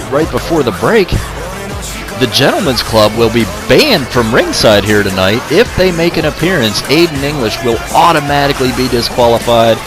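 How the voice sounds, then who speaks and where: A man doing excitable, mock-broadcast wrestling play-by-play over a video game, shouting at the big moments and talking to the viewers as folks. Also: medium pitch. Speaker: gaming video creator.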